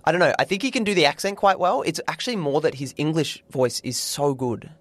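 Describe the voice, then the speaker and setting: A man's voice: a little high, sing-song, fairly quick, dry recording. A man co-hosting a film review podcast, chatting casually with many restarts and playful quoted voices. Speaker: podcast co-host.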